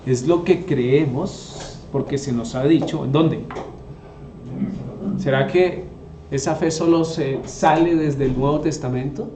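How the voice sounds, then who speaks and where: A man's voice: on the high side, takes it slowly, background noise. A man, teaching the Bible to a group and often asking them rhetorical questions. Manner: asks the audience rhetorical questions. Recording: echoey room.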